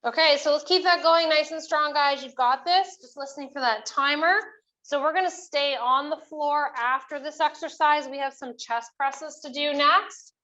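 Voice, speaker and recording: A woman with a high-pitched, forceful, bright voice leads exercise as an aerobics instructor. She gives short, encouraging cues and clear step-by-step instructions. The audio is slightly dull and lo-fi. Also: moderate pace. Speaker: fitness instructor leading a workout.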